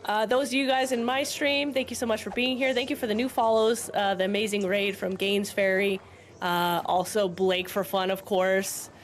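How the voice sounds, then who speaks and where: A woman's voice: medium pitch, fairly even intonation, normal speed. A woman co-streaming, chatting casually, teasing her partner and addressing her viewers. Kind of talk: casual livestream chat.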